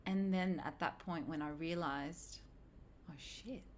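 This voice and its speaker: A woman's voice: deep voice, a little slow, darkish tone, slight background noise. A woman co-hosting a podcast, telling a personal story in a candid, wry tone during casual chat. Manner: candid, wry, laughs a lot. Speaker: podcast co-host.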